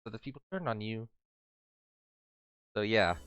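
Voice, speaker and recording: A man's voice: on the low side, expressive, normal speed, fairly bright tone, clear, resonant tone, no room sound. A man reading video game dialogue with friends in a casual group session, laughing often and hamming up the haughty lines.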